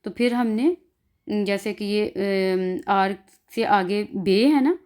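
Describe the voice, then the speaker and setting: A woman with a Pakistani Urdu accent teaching an online class, speaking slowly and drawing out and repeating each example sound. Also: medium pitch, darkish tone, clean tone. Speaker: language teacher. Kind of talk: online class explaining pronunciation.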